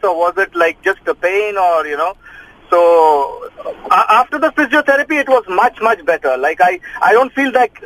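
A man's voice: sits high, fairly bright tone. A man in his thirties calls in over a clipped phone line and asks a hesitant question, with many fillers and restarts. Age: 30s. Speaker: caller. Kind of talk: call-in question to a doctor.

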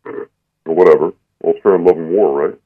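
A man in his thirties calling in anonymously, his voice disguised deep by a voice changer, talking bluntly and without apology. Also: slightly rough. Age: 30s. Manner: blunt, unapologetic, halting. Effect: voice changer making it disguised and deep. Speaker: anonymous caller. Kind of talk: call-in radio conversation. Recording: tinny phone line.

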